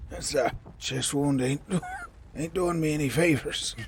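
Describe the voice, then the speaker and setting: A man puts on a stubborn, wounded old man for a tabletop game. He speaks very slowly in a wheezy voice, rambling and halting in a folksy way, with faint noise behind him. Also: a little high. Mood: pained, wry. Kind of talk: tabletop role-play.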